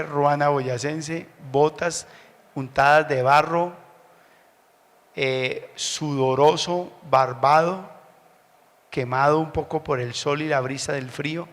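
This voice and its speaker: A man from Colombia with a Bogotá accent, preaching a sermon as a pastor, telling stories slowly and building up to loud preaching. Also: a little high. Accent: Bogotá Spanish. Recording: long hall reverb.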